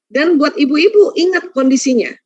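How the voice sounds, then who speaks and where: High-voiced woman giving a parenting seminar. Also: normal speed, no room sound. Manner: animated, acts out quoted voices of mother and child. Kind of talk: religious parenting seminar talk. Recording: dull muffled dry recording.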